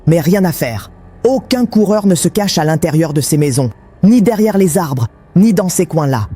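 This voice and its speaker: A man narrating his gameplay in an excited, panicky way, constantly calling out to his viewers. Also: a little high, moderate pace, breathy edge. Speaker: gaming video host.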